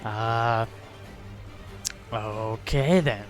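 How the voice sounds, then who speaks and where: Male player, laid-back and slow-talking. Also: fairly low pitch, faint music behind. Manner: laid-back, describes his character's actions. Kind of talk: casual tabletop play.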